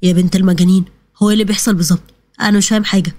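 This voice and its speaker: A young Egyptian man, lowered and quick, curious and a little smitten, as a woman narrator plays him. His talk is puzzled and chatty. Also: fairly even intonation, darkish tone, close to an everyday voice. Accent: Egyptian Arabic.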